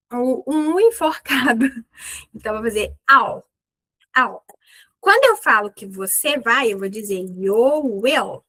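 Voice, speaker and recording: A woman's voice: fairly high pitch, sharp tone, dry recording, low-quality recording. A woman with a Brazilian Portuguese accent teaching an English lesson, patiently explaining and repeating pronunciation drills.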